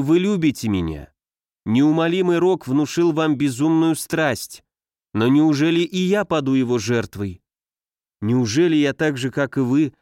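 A man's voice: a little high, darkish tone, dry recording, natural voice. Man as young lady, frightened, pleading, dry recording. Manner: pleading, agitated.

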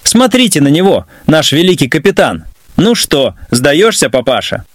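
A man's voice: on the high side, very animated, normal speed, no echo, clean studio sound. A man voicing a drunk, arrogant young man who sneers and taunts the people around him. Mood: taunting. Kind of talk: audio story narration.

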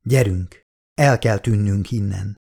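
A steady, determined young woman explorer, as a male reader voices her, talking firmly. The delivery stays close to a plain storybook reading voice. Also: on the low side, gravelly, pitched below the performer's own voice. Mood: urgent. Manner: firm, steadying.

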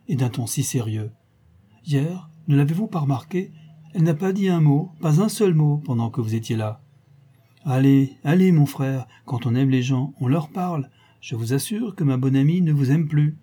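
A man's voice: on the high side, dark tone, slightly rough. A man reading an audiobook, voicing a naive, chatty young girl who talks with artless earnestness.

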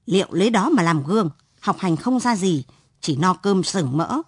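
A woman voicing a stern aging father who scolds gruffly, in a storybook reading. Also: on the low side, lively intonation, moderate pace, no room sound, studio quality. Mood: threatening.

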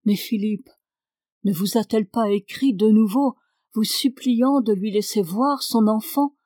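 A woman reading the part of a calm, authoritative man who speaks softly and with pity, in an audiobook. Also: mid-range voice, no room sound, clean studio sound, close to an everyday voice. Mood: compassionate. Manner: soft, measured, compassionate.

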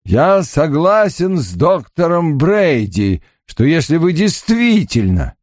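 An indignant, agitated man whose voice climbs high and loud, as a male narrator puts him on. Excited and shrill, read close and dry. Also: slow, no room sound, heavily acted. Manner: excited, shouting.

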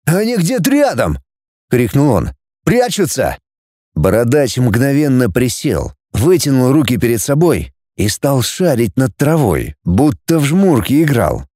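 A man reading an adventure story aloud as narrator, lifting his pitch for each character's lines. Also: very animated, a little slow, hardly any pauses, dark tone, dry recording, clean studio sound. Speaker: audiobook narrator. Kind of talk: scripted narration.

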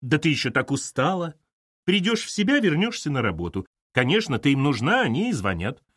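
An older mother, stern and commanding, lecturing firmly, as a male narrator puts her on. The pitch moves with animated inflection, recorded dry and close. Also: fairly quick, husky, no echo, full character voice. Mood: soothing. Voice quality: stern, authoritative.

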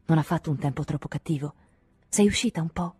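A woman's voice: sits low, fast talker, dark tone, slightly rough, no room sound, soft background music. A woman voicing a weary, evasive man who speaks in a curt, restrained way in an audiobook reading.

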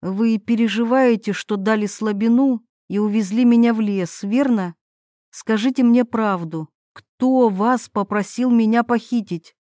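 A woman's voice: on the high side, unhurried, mellow, dry recording, studio quality, natural voice. A woman reading a weary, pleading lost woman. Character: exhausted young woman lost in a forest. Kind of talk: audiobook character reading.

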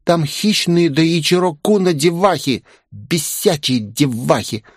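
A man's voice: fairly high pitch, measured pace, slightly rough, no echo, studio quality, voice pushed up. A man doing a tipsy, clingy young girl. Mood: clingy, playful. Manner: drunkenly affectionate, pouty. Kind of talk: audiobook character voice.

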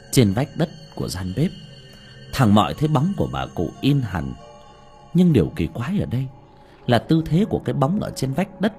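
A man narrating a scripted horror story in a dramatic, expressive way. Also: on the low side. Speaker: audiobook narrator.

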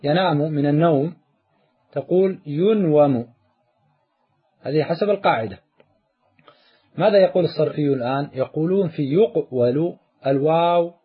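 Man drawing out example words, husky. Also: fairly high pitch, phone-quality sound. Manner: explains step by step, drawing out example words slowly. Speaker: teacher. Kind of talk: morphology lesson.

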